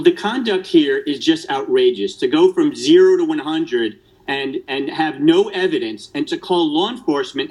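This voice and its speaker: A male attorney speaking forcefully and indignantly in a news interview. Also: a little high, slightly rough, low-quality recording.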